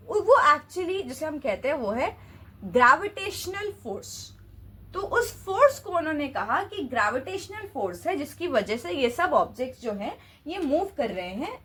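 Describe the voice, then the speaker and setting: High-voiced woman teaching physics. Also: fairly bright tone. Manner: explains step by step with rhetorical questions; mixes English terms into Hindi. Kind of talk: classroom physics lesson.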